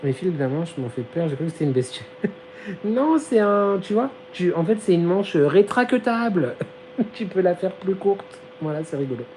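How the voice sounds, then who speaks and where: A man's voice: high-pitched, sing-song, normal speed, a little mellow, slight background noise, poor audio. A man hosting a live stream, chatting casually with his viewers in a giggly, slangy way while his voice is going. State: losing his voice. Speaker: live-stream host reading chat. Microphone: phone. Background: fan humming behind the phone.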